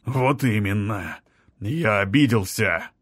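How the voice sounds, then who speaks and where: A man voicing a menacing sorcerer lord who speaks slowly in a purring, condescending tone. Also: lowish voice, animated, no room sound, studio quality. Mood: purring menace.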